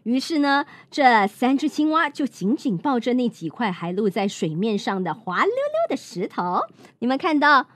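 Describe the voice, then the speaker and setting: A woman's voice: on the high side, very animated, moderate pace, fairly bright tone, no echo. A woman reading a picture book to children, playful and full of questions. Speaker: children's storyteller host.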